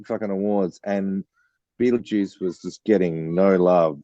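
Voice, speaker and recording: Deep, dark bass-baritone man. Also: steady tone, measured pace, no room sound, highs cut off. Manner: chatty, storytelling with many fillers. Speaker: guest songwriter. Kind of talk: casual interview chat.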